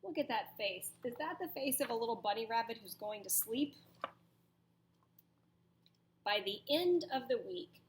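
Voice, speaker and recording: Reading a storybook to kids, this woman teacher uses a higher, expressive voice, and a little hiss or hum is audible. Her delivery is emphatic and full of dramatic pauses, with asides that put questions to the children.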